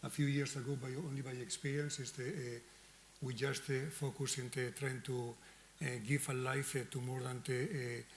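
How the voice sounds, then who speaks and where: A man speaking on a panel in a halting way, with many "uh"s. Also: mid-range voice, flat delivery, roomy sound, a little hiss or hum. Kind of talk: panel discussion.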